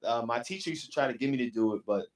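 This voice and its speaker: A man's voice: medium pitch, racing. A young man, chatting as a rapper guest in a laid-back way, often repeating himself. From New York City. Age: young adult. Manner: laid-back, repeats "you know what I'm saying". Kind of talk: casual interview chat.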